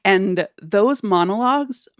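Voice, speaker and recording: A woman co-hosting a podcast, talking about a film with lively enthusiasm. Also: mid-range voice, takes it slowly, no room sound, clean studio sound. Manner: enthusiastic, laughs often. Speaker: podcast co-host. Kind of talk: casual film discussion.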